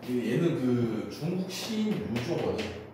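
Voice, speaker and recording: A man teaching a class, lively and talkative, asking questions and then answering them himself. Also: medium pitch, measured pace, noisy background. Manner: animated, asks and answers his own questions. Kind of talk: classroom lecture. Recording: distant echoey classroom recording.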